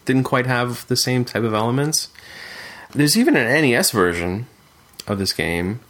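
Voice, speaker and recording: A man's voice: medium pitch, animated, normal speed, fairly bright tone. A man co-hosting a casual podcast chat, talking thoughtfully with frequent fillers and restarts. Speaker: podcast co-host discussing retro games.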